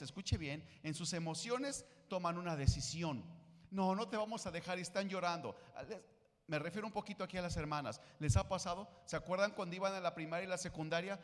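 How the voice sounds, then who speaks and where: A somewhat high-voiced man preaches to his congregation as their pastor, checking in with frequent questions and voicing the lines of the people in the story. His voice rings out with a long reverb through a church hall. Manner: asks the congregation questions often; acts out the biblical women's lines. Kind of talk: sermon. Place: church sanctuary.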